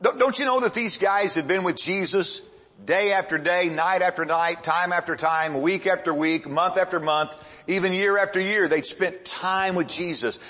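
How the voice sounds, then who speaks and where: High-voiced man preaching in a reverberant hall. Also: pushed and bright. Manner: preaching with sweeping pitch swings and dramatic pauses. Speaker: pastor. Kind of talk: sermon.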